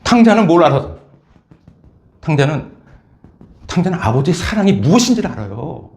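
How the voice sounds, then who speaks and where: A male preacher giving a lively, story-driven sermon, often prompting listeners with "예?" and "여러분". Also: on the high side, normal speed, gravelly. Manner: animated storytelling, frequent "예?" and "여러분".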